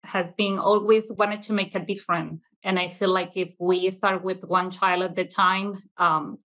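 Over poor audio comes a mid-range, fairly bright female voice. The speaker, a middle-aged woman raised in Venezuela whose first language was Italian, has a Venezuelan accent and owns a childcare school; she's a guest answering interview questions conversationally on a video call from a classroom.

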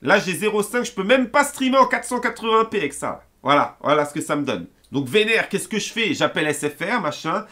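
A man's voice: high voice, sing-song, brisk, hardly any pauses, sharp tone. A young man rants angrily to his viewers in a casual, heated way, swearing often and acting out his phone calls. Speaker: gaming YouTuber ranting to viewers. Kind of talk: angry casual rant to camera.

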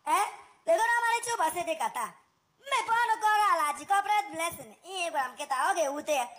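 Squeaky, excitable West African cartoon dad. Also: male voice, racing, exaggerated voice. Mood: scolding. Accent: West African, Nigerian. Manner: exclamatory, mixes in English phrases. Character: excitable, scolding cartoon family man. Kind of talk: comic cartoon dub.

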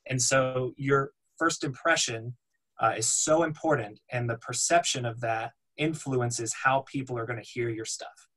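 A man's voice: medium pitch, measured pace, low-quality recording. Casual man teaching over webcam. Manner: relaxed, explanatory, frequent ums and uhs. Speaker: voiceover demo producer. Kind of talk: webinar teaching. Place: home room, indoors. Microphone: webcam on video call.

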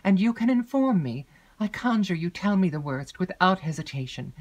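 A woman's voice: low-pitched, lively intonation, measured pace, warm tone, exaggerated voice. A woman voicing a frightened young noblewoman in an audiobook, speaking eagerly and urgently. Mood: pleading. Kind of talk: audiobook character reading.

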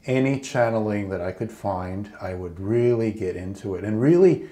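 A man of about sixty from Michigan chats openly in a seated home interview, his voice sitting fairly low. The talk is relaxed, with easy fillers. The room gives it a noticeably echoey sound. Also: normal speed. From Michigan, United States. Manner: chatty, open, with casual fillers. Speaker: interview guest, channeler. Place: living room at home, indoors. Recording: roomy indoor echo.

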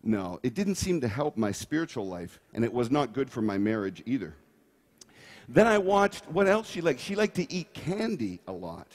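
A man's voice: mid-range voice, moderate pace. A man preaching a sermon, telling a story with playful energy and drawing the congregation in to act it out. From Canada. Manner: playful, animated storytelling with audience participation.

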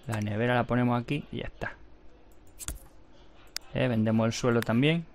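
A man's voice: medium pitch, fairly even intonation, moderate pace. Spanish guy chatting over a video game, teasing the characters, mid voice, bit of noise in the background. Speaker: gameplay commentator. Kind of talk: casual gameplay commentary.

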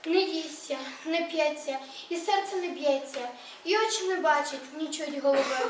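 A young woman student reading a poem aloud in a measured recitation at a college. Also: high-pitched, a little hiss or hum. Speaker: student reader. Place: college hall. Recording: echoey room, read from far off.

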